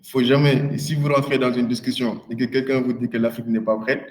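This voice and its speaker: A man's voice: mid-range voice, fairly even intonation, fairly quick. Echoey young man. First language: not French. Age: young adult. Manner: slips English words into French. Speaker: guest speaker, IoT consultant. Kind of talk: informal webinar closing remarks. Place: indoor webinar call. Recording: roomy, echoing sound.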